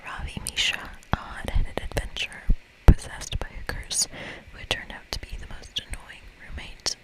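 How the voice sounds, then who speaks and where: An ASMR gaming host whispers breathily through a game playthrough, reading aloud and commenting softly at normal speed. The recording quality is low.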